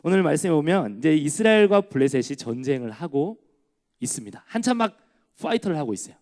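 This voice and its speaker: A young man delivers a sermon as a pastor, in a relaxed storytelling voice that sounds like casual conversation. His pitch is lively and moves freely, and his timbre is mellow and somewhat raised. He acts out the lines of the people in the story as he goes. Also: fast. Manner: storytelling with acted-out quotes; conversational, personal anecdotes.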